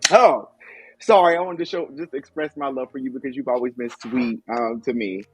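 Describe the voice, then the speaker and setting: A man hosting a casual podcast chat, gushing and telling stories with animated energy. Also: mid-range voice, a little fast, breathy edge, no echo, faint music behind. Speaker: podcast host.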